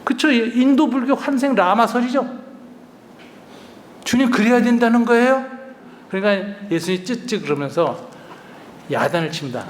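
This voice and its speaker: An older man, a pastor, preaching a lively, colloquial retreat sermon, acting out dialogue and chuckling often. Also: extremely high pitch, moderate pace, long pauses, slight background noise. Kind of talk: retreat sermon, storytelling with acted quotes. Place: church hall. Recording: roomy hall reverb, faint ambience.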